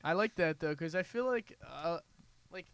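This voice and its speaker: Higher-voiced man hosting college radio. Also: animated, moderate pace, gravelly, fairly bright tone, clear, resonant tone, no echo. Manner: hesitant, repetitive phrasing, kidding. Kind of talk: casual interview banter.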